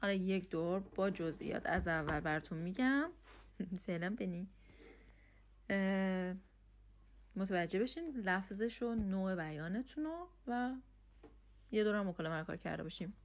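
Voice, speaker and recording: A woman's voice: medium pitch, animated, long pauses, highs cut off. Woman teaching German. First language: Persian. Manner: explains step by step, checks in with "okay?". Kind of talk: casual language lesson.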